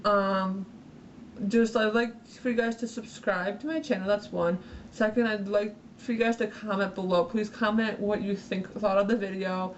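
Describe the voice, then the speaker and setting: A woman in her twenties, a new YouTuber, chatting excitedly in a casual fan vlog and filling her talk with "like". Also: mid-range voice, normal speed. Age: 20s. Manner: gushing, excitable, filler-heavy ("like"). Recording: dull, distant audio with faint hiss.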